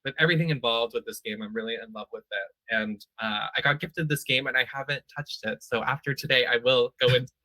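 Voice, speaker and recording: A man's voice: mid-range voice, brisk, hardly any pauses, sharp tone, dry recording. A man hosting a casual panel chat about games, talking in a chatty, slangy way with playful asides.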